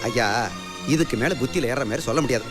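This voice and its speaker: An actor playing a wealthy, stubborn old patriarch who scolds his family loudly. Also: mid-range voice, fast, big-room sound, loud music behind the voice, lightly acted. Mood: scolding. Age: older. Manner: scolding, blustering.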